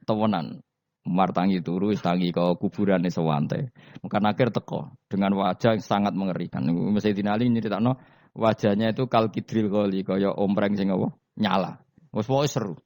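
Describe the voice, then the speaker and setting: A man's voice: on the low side, brisk, darkish tone, no room sound. A man in his fifties with a Javanese accent, an Islamic cleric giving a religious lecture with stories, mixing languages, quizzing the audience and often chuckling. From Indonesia. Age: 50s.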